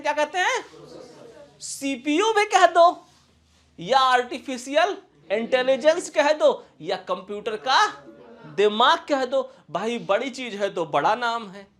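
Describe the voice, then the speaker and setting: A man leads a classroom-style computer lesson, his voice sitting unusually high. He asks quick check questions again and again to make sure everyone follows. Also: a bit bright. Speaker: computer teacher.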